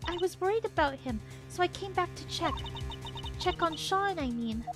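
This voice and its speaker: A woman's voice: extremely high pitch, expressive, moderate pace, pitched above the performer's own voice. A woman doing a stammering, timid young woman. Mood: nervous. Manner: hesitant and stammering. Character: timid, nervous young woman on a film set. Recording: game music behind the voice.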